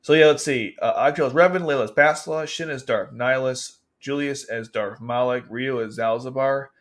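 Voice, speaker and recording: A man with a brisk, mid-range voice casually comments on a livestream as he reads through an article, reacting with outbursts that are both excited and exasperated.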